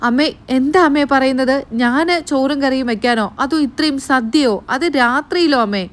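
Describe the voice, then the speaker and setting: A woman's voice: high-pitched, normal speed, pitched above the performer's own voice, natural voice. Woman doing a whining protesting daughter-in-law. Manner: pleading, protesting.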